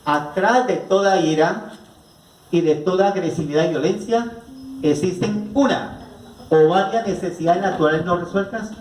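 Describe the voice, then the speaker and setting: A man's voice: sits high, moderate pace, darkish tone, a little hiss or hum. A man with a Colombian accent gives a psychology talk to a live audience, asking rhetorical questions and checking in with the listeners. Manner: rhetorical, asks the audience questions, repeats "¿no es cierto?". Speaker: psychologist giving a family conference. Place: rural venue with an audience. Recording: echoey room picked up from a distance.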